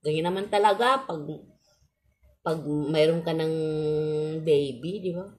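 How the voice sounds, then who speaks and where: A Filipino woman with a low-pitched voice chats casually to her viewers. Her speech is slow and halting, shaped by missing front teeth. She is polite and often repeats her words. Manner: polite, halting, with frequent repetition. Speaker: vlogger.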